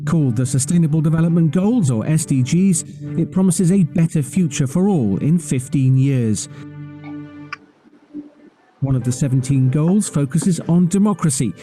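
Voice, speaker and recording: A man giving smooth, even scripted narration for an informational video. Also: on the high side, moderate pace. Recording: narration over background music. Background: music.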